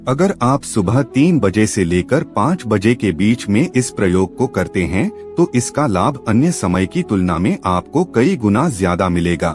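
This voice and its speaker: Lively-voiced man narrating devotional advice. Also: on the low side, a little slow, few pauses, faint music behind. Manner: earnest, instructive, addresses viewers as friends. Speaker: spiritual channel narrator. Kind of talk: scripted devotional voice-over.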